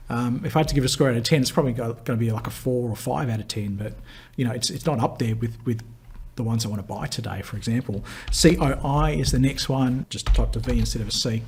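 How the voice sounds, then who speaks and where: Going hoarse, a man hosting a live viewer Q&A talks through stock charts in a rambling, chatty way, with many fillers, restarts and quick laughs. A market analyst by trade, he has a mid-range, somewhat dark voice.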